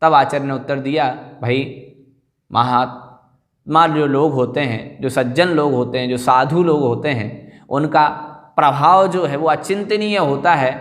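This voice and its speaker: A man teaching an online class on a Jain hymn. He chants the Sanskrit verses slowly and repeats the hard words so listeners can practise them. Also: a little high. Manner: slow, careful chanting of Sanskrit verses, then plain explaining. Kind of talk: online scripture lesson, recitation and explanation.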